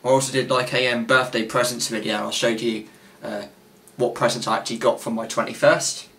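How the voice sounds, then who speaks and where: A twenty-one-year-old man moves briskly through hosting a quiz to camera in his small bedroom, a gaming desk nearby. His mid-range voice is steady and a bit bright but getting tired, and he rambles with frequent fillers and restarts.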